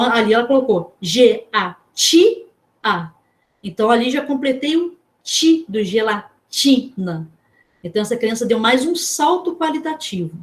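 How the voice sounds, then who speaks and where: A woman with a Brazilian Portuguese accent gives a lesson in a fairly high voice. She moves through her points step by step, asks the class questions and checks in often. Now and then she slows down to spell out single letters. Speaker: teacher. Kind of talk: online class lecture.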